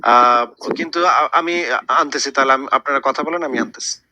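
A man moderating a live online religious debate, pressing speakers for clear answers and often restarting words. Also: medium pitch, normal speed, bright, forceful tone, muffled recording, slight background noise.

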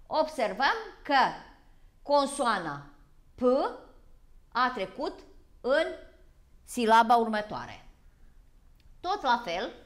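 A woman with a Vojvodina Romanian accent, teaching a school grammar lesson on television. Her voice sits a little high and swings widely in pitch, and she explains each rule slowly and deliberately. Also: a bit bright. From Vojvodina, Serbia. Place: broadcast TV lesson.

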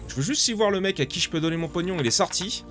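Male let's-player, lively swings in pitch, game music under him. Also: quick pace. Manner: excitable, swears, pleads loudly with game characters. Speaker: gaming YouTuber. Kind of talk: casual let's-play commentary. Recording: game music playing behind the voice.

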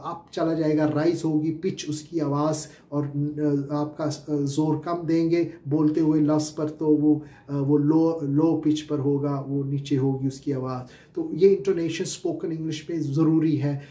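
A man's voice: fairly high pitch, level tone, unhurried, few pauses, dark tone. Pakistani man teaching in an echoey room. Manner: explains step by step, with many filler "uh"s and repeated rhetorical questions. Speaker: spoken English teacher. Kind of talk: classroom-style lecture.

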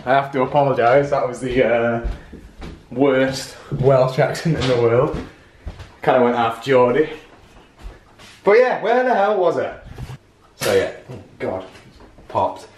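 A man's voice: medium pitch, expressive, unhurried, pauses often, a little mellow, a little hiss or hum. A young man from England chatting casually in a self-mocking way as he vlogs his day at home. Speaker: vlogger. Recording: roomy sound with faint music.

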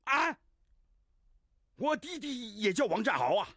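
A wailing, greedy magistrate. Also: male voice, very high-pitched, big pitch swings, a little slow, bright, forceful tone, no room sound, studio quality, heavily acted. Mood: fake tearful. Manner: theatrical, wailing exclamations. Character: greedy scheming middle-aged male county magistrate. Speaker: county magistrate. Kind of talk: comic period TV drama acting. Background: drama score music.

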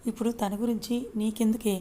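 A woman's voice: fairly high pitch, little pitch movement, brisk, warm tone, lightly acted. Woman reading as a teasing young husband. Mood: teasing scold. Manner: scolding, teasing. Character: young husband, teasing and gruff with his wife.

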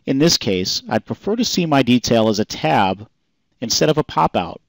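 A man calmly reading a scripted software demonstration voice-over in an even, explanatory way. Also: mid-range voice, moderate pace, vocal fry, dry recording. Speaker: software demo narrator. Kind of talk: scripted product demo narration.

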